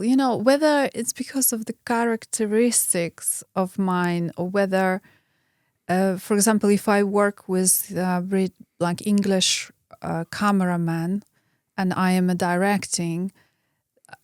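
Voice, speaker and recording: A woman's voice: medium pitch, clean tone, dry recording, clean studio sound. A woman from Ukraine speaking English with a Ukrainian accent as an interview guest, candid and self-reflective, often hesitating and restarting. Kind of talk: conversational interview.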